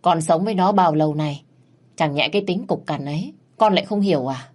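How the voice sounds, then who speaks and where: A woman voicing a young husband who calmly defends his wife on the phone. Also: low-pitched, brisk. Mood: defensive.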